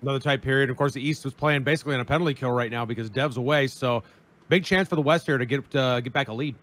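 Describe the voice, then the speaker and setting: A man's voice: mid-range voice, fast talker. A man co-commentating a video game stream in a casual, chatty way. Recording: loud music behind.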